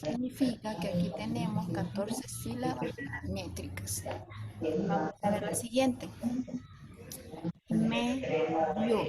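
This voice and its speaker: A woman teacher talks slowly and carefully, her voice set a little high. Loud background noise runs under her the whole time. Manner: slow, careful counting and explaining. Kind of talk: recorded lesson explanation.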